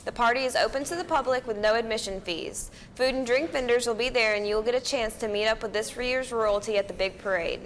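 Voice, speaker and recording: A young woman anchoring a student news show, reading in a scripted, bright way. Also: fairly high pitch, a little fast, hardly any pauses, slight background noise.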